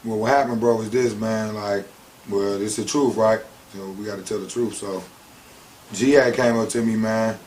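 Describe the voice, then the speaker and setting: A man's voice: fairly low pitch, steady tone, moderate pace, darkish tone, recorded from a distance, a little hiss or hum, rough recording. A man being interviewed, telling a long personal story in casual, slangy street talk with many fillers.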